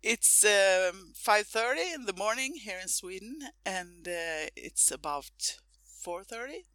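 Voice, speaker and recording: A woman hosts a podcast with a bright, sharp tone and a pitch that swings up and down as she speaks. She asks her questions with open enthusiasm, and the sound is dry and close, with no room around it. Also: expressive, takes it slowly, no room sound. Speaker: podcast host. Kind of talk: casual interview. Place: home in Sweden.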